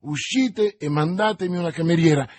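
Guy doing a proud fierce captive lady, haughty and snappy, husky dry sound. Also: fairly high pitch, normal speed, darkish tone, no echo, lightly acted. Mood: indignant. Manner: haughty, indignant outbursts. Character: scornful noble lady prisoner, proud, fierce.

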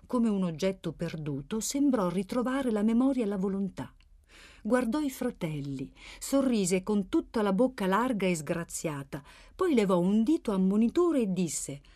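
A woman narrating a novel in a measured, expressive reading style. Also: medium pitch. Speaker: audiobook narrator. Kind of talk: literary narration.

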